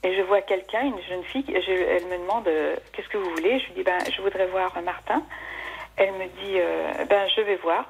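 A woman's voice: lowish voice, fairly even intonation, normal speed, gravelly, a little hiss or hum. A woman calling in to a live radio show, telling a long personal story with many restarts. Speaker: caller. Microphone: telephone. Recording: dull phone line.

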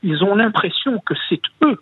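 A man calling in to a radio show over a phone line, recounting things in a measured, thoughtful way. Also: high-pitched, lively intonation, slightly rough, no room sound. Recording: tinny, dry phone line.

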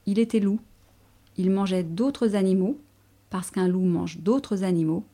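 A woman reading a children's story aloud in a gentle, expressive way. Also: medium pitch, measured pace. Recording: soft music underneath.

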